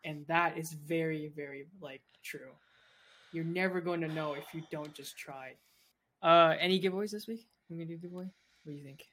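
A man's voice: fairly high pitch, fairly quick, fairly bright tone. A young adult man co-hosting a casual podcast, talking in a laid-back, easygoing way with casual slang. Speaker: podcast co-host. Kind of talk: casual chat.

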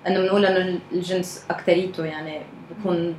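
A woman's voice: lowish voice, fairly even intonation, fast talker, darkish tone. A woman with a Levantine Arabic accent talking candidly and casually, dropping English phrases into her Arabic. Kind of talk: candid casual group discussion. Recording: roomy echo, faint background noise.

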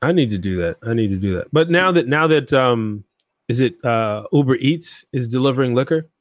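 A man's voice: medium pitch, animated, a little fast, no room sound, clean studio sound. A man in casual chat, easygoing, often restarting his sentences.

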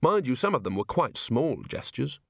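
A man's voice: mid-range voice, big pitch swings, normal speed, gravelly, dry recording. A man voicing a frank, dry-witted young policewoman in a lightly raised, matter-of-fact voice. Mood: wry, frank.

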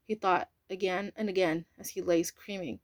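A woman's voice: lowish voice, fairly even intonation, moderate pace, dry recording, studio quality. Woman reading an audiobook. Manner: casual reading with slips and asides. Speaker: audiobook reader. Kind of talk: audiobook narration.

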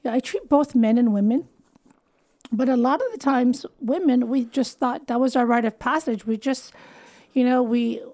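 A woman's voice: a little high, normal speed, mellow. Earnest woman in her fifties. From United States. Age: 50s. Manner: earnest, explanatory. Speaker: guest physician. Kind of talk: interview conversation.

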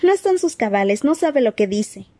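A woman's voice: fairly high pitch, sing-song, brisk, a little mellow, dry recording, pitched above the performer's own voice. A woman voicing a hesitant, pleading teenage girl in an audiobook reading. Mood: anxious pleading.

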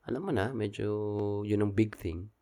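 A man's voice: on the low side, moderate pace, dark tone, breathy edge. A man with a Filipino accent, co-hosting a casual podcast, telling a story in a chatty, teasing way and mixing in English phrases. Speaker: podcast co-host. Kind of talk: casual chat.

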